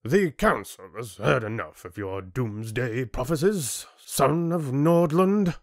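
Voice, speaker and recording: A male audiobook reader acts out an older, gluttonous fantasy chieftain, raising his pitch to sound pompous, sneering and theatrically dismissive of those beneath him. The delivery is animated but slow, and the sound is close and dry with no echo.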